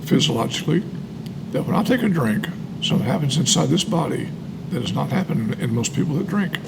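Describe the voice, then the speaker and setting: An American man, co-hosting, reads aloud from a recovery book and comments with personal testimony, repeating phrases emphatically for weight. His voice is on the high side, expressive, quick and creaky, with background noise.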